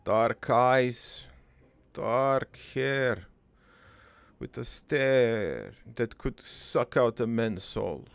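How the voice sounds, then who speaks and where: A man voices Joey, a middle-aged, foreign-born immigrant father in a cartoon, who is rambling, crude, and wistful. In a gravelly, exaggerated, medium-pitched voice with no echo, he wanders through his life story in a deadpan, halting, improvised monologue.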